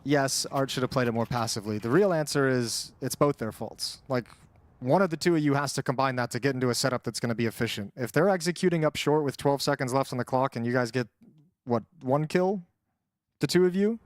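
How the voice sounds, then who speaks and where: A man's voice: medium pitch, a little fast, no echo, clean studio sound. A man co-casting esports live as the analyst, conversational and opinionated, mixing tactical breakdowns with banter.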